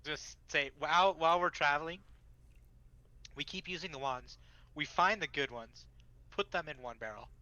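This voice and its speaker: Man, tabletop player in character, bright tone, scheming, dull lo-fi recording. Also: on the high side, normal speed, pauses often, no echo. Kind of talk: in-character tabletop role-play.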